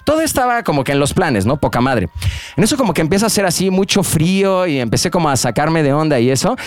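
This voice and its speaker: A man's voice: fairly high pitch, quick pace. A young man with a Mexican accent telling a slang-filled story among friends and acting out the voices of the people in it. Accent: Mexican Spanish. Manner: slangy, animated, acts out voices in his anecdote.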